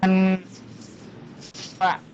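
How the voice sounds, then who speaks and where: A man asking halting questions in an online class, his video call audio choppy and breaking up. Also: high voice, completely flat delivery, muffled recording. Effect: choppy video call audio that keeps breaking up.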